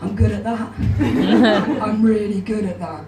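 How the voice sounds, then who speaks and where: In a small comedy club, a twenty-something English comedian with a naturally hoarse, croaky voice does deadpan, self-deprecating material at a slightly slow pace in her mid range. A noisy crowd and bursts of laughter surround her. She speaks into a handheld mic, captured from far back in the echoey room.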